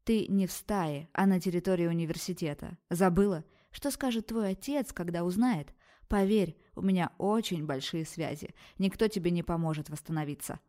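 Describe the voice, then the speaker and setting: A woman's voice: on the low side, normal speed, warm tone, close to an everyday voice. A woman voicing a strict middle-aged female university supervisor who speaks in curt, commanding sentences. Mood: stern.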